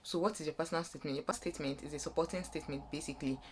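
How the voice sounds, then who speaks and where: Racing along in a steady, low-pitched tone, a young woman with a Nigerian accent gives student application advice on her vlog, with a little hiss or hum behind her. It's an informal, unscripted explainer full of rambling and rephrasing.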